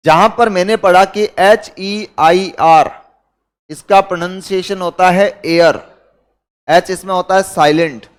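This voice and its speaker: High-voiced Indian man teaching a class. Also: steady tone, unhurried, smooth. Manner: explains with rhetorical questions to the class. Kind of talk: classroom lecture.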